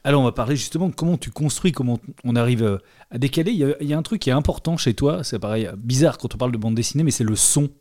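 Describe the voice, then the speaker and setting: Fast-talking man interviewer. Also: mid-range voice, darkish tone. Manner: engaged, asks long questions. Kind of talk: casual interview.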